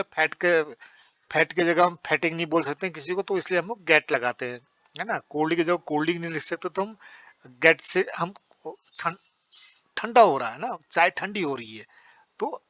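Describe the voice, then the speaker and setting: A man's voice: a little high, bright, forceful tone, dry recording, lo-fi sound. A man teaching English in a patient, repetitive lesson, often checking that students understand. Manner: explains patiently, repeats phrases, checks understanding. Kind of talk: spoken English lesson in Hindi.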